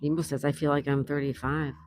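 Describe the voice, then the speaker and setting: An older woman chats her way through a livestream, reading comments from viewers and laughing along. Her voice is warm and mellow, recorded close and dry with no room around it. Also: low voice, little pitch movement, fast, no room sound. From South Florida, USA. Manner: chatty, reads comments aloud, laughs often. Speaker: livestream host reading chat. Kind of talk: casual live-stream chat.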